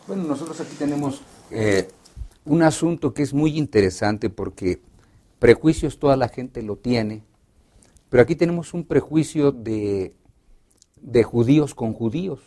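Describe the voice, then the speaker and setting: A male pastor explaining a Bible study lesson in a lively conversational way, acting out short dialogues. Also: medium pitch, a little slow. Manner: expressive teacher, acts out dialogue, many restarts.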